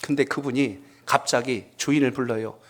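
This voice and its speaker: A man's voice: mid-range voice, steady tone, normal speed. A middle-aged man preaching a sermon as pastor, telling stories and putting questions to the congregation. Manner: storytelling, asking the congregation questions.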